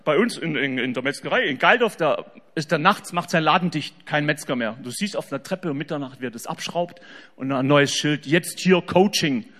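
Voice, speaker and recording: A man giving a humorous faith talk to an audience, telling stories in an animated way that swings between loud and soft, in a reverberant hall. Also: a little high, a little fast.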